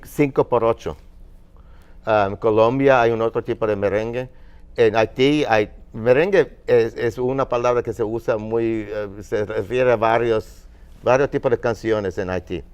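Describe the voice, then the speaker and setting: A man's voice: medium pitch, steady tone, a little mellow, clean tone, dull audio. Finnish-born man explaining with fillers. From Finland. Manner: explanatory, halting with fillers and restarts. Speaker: music researcher panelist. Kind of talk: panel discussion.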